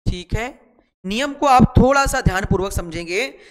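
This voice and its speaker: High-voiced man teaching in an echoing hall. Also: expressive, moderate pace. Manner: chatty, repeats words, answers his own student questions. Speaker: shorthand teacher. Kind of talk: online lesson, explaining while writing.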